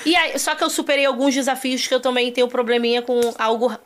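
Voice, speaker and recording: A woman's voice: sits high, steady tone, fast talker, a crowd in the background. A woman guest in a casual podcast chat, telling her story with animation and acting out her own panic.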